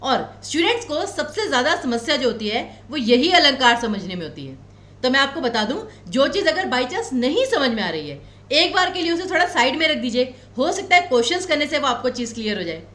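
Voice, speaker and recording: Woman coaching-class teacher, Himachali Hindi accent, reassuring, high animated pitch. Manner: explains patiently, repeats key points slowly; reassuring, tells students not to worry. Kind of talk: exam coaching lecture. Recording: echoey room.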